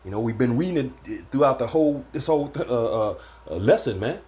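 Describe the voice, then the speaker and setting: Man, casual scripture teacher, loose and rambling, fills pauses with "uh" and "man", mid-pitched voice. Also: animated, a little mellow. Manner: laid-back, stumbling, many fillers and "man". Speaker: religious teacher. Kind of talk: informal scripture lesson.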